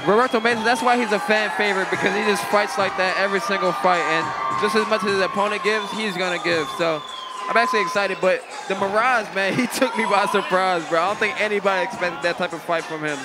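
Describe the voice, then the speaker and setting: Dude doing casual boxing color commentary, talks fast, upbeat, really loud music and crowd around him. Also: male voice, sits high. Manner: informal, enthusiastic. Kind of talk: casual fight analysis.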